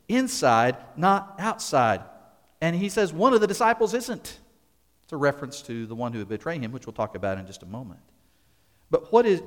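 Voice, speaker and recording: A male pastor delivers a sermon in a slightly higher voice, leaning on repeated words for emphasis. His delivery is measured and deliberate, with pauses between phrases. The sound carries a long reverb, as in a large hall.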